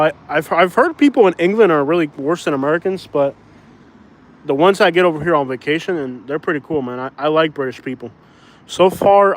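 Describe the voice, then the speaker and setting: A man's voice: a little high, rough recording. A Cuban man who drives for a rideshare app, talking bluntly and rambling in a casual livestream while walking outdoors on a city street. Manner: blunt, opinionated, rambling with restarts.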